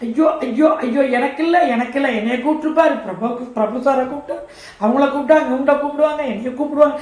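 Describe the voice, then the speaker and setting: A woman's voice: sits high, fast talker, a little mellow, reverberant, close to an everyday voice. A woman playing a dramatic middle-aged aunty who wails and repeats her complaints in a comedy sketch. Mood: wailing. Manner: wailing, repetitive laments.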